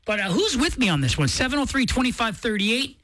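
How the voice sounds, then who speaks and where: Lively, higher-voiced woman radio host. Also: brisk, a little hiss or hum. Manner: conversational, enthusiastic. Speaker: radio morning show host. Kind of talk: casual radio chat.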